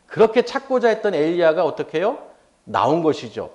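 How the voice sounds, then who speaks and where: Male pastor, fairly high voice, lively sermon with acted-out dialogue and questions to the congregation. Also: brisk.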